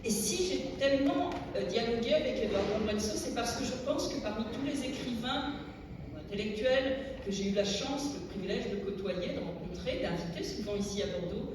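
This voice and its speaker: French woman, middle-aged, thoughtful public talk, groping for words, booming hall echo, distant mic, noisy background. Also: animated, moderate pace. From France. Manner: reflective, searching for words. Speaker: speaker at a literary tribute. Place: large echoey hall at a public event.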